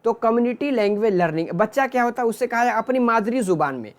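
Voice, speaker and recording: A man's voice: extremely high pitch, lively intonation, quick pace. Guy teaching an exam-prep class, goes step by step, keeps checking in, swaps terms between urdu hindi and english.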